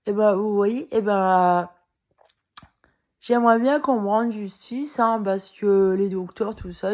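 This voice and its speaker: A worn-out woman speaks straight to her audience in a loose, rambling monologue. Her talk is heated and blunt, broken up with fillers, curses and short bursts of laughter, in a voice of ordinary middle pitch. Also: darkish tone. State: very tired. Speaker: vlogger. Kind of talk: casual spoken monologue to camera.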